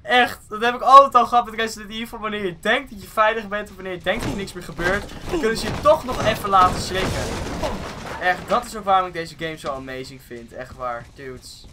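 A man giving excitable let's play commentary on a game, swearing often and slipping English phrases into his talk. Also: high-pitched, a little fast. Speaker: gaming video host. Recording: steady background noise.

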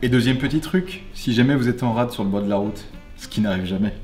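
A man's voice: medium pitch, quick pace, darkish tone. Joking man presenting cars in a roomy garage. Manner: tongue-in-cheek, joking asides and slang. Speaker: host of a car show. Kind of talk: casual scripted car presentation to camera. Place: garage, indoors. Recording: roomy garage echo, faint music behind.

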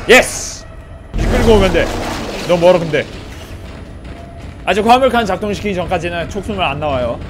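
Guy doing let's play commentary, high voice all over the place, freaking out and begging at the screen, loud game music behind. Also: animated, brisk, long pauses. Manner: panicky pleading and yelling at enemies, then muttering to himself. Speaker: gameplay commentator. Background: loud horror game music and sound effects.

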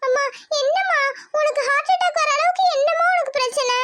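A woman's voice: very high-pitched, fairly quick, heavy background noise, pitched above the performer's own voice. A woman voicing a frightened young village girl who pleads tearfully for her mother in a cartoon. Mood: tearful pleading. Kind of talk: cartoon voice acting.

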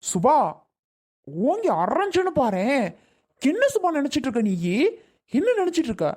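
A woman's voice: mid-range voice, brisk, a little mellow, close to an everyday voice. A woman playing a protective young husband who scolds his sister and comforts his wife in a family skit. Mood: scolding. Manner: scolding, exasperated.

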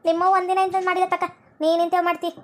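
A woman playing a meddling, deaf old village woman in a comic family skit, with a North Karnataka Kannada accent and a shrill, nagging, melodramatic way of talking. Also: level tone, rapid-fire.

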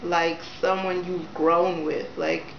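A woman's voice: on the low side, level tone, slow pace, gravelly. A young woman reviewing a book in a casual vlog, chatty and enthusiastic, with lots of fillers, talking close to her camera in a small room. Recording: roomy, dull lo-fi camera audio with faint hiss.

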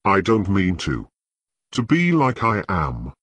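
A man voicing a timid, tearful fat young nobleman recruit who talks in halting, apologetic stammers. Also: low voice, wildly swooping pitch, fairly bright tone, husky, no room sound, exaggerated voice. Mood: ashamed.

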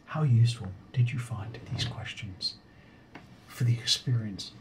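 A man doing a deadpan comedic call center role-play, halting and apologetic as he asks his questions. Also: on the low side. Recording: keyboard typing noise. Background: computer keyboard typing.

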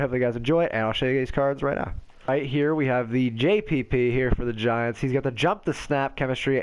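A man's voice: a little high, smooth, poor audio. A man with a stuffy, nasal voice from a cold, casually rambling through game commentary and reading off player stats. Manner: rambling, reads off player stats, self-correcting. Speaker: game video host.

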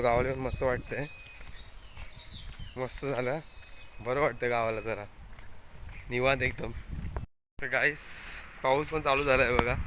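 A man with a Konkan Marathi accent, vlogging casually as he walks through a rainy village and points things out to viewers. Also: mid-range voice. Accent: Konkani-region Marathi. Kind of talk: casual travel vlog chat. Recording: outdoor noise in the background.

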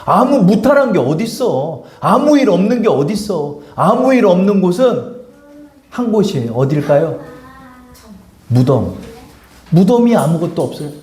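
High-voiced, animated male pastor preaching. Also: roomy sound. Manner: animated, conversational preaching with rhetorical questions. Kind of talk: sermon. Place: church sanctuary.

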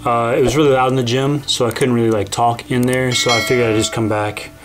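A man's voice: medium pitch, quick pace. Laid-back young man over music. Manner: relaxed, rambling with many fillers. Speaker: fitness vlogger. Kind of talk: casual vlog voiceover. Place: bedroom at home, voiceover. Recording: background music under the voice.

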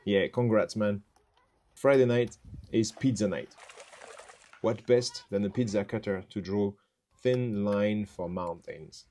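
A man's voice: fairly low pitch, steady tone, unhurried, pauses often, mellow. A man in his thirties giving a scripted voice-over narration for his challenge vlog. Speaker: vlogger and painter doing a challenge.

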